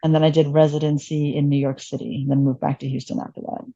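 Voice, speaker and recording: A woman's voice: sits low, level tone, fast talker, mellow, no room sound, highs cut off. A woman in her late thirties from Vietnam, an emergency physician being interviewed, talking reflectively with many fillers. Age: late 30s. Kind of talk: conversational interview.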